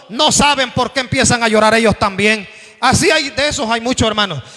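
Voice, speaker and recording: A man preaching a fervent sermon, often calling his listeners brother and raising his voice near to a shout at times. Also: very high-pitched. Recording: long reverb of a hall.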